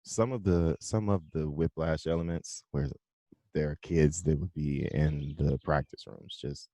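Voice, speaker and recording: Very deep-voiced young man, relaxed. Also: unhurried, no echo. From South Carolina, US. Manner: relaxed, laughs often, loose rambling phrasing. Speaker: musician guest. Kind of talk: casual interview conversation.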